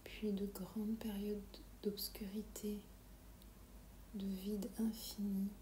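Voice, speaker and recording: A woman leads a guided meditation in a hushed, breathy whisper that sits right in the ear. She is unhurried and calming, with a mellow, dark tone. The recording has a roomy echo around her. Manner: slow, calming, soothing instructions. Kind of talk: guided meditation, soft whispered ASMR-like delivery. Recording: roomy echo, low background rumble noise.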